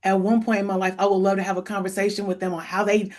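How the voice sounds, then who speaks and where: A woman in her thirties hosting a podcast from home, chatting in an excited, rambling way. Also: medium pitch, fast talker. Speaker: podcast host. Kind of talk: casual interview chat.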